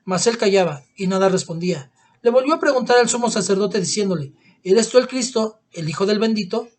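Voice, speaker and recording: A man with a high voice reads scripture aloud during a sermon. He reads with feeling, slowing down and dropping his voice at the moving moments. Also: animated. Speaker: preacher.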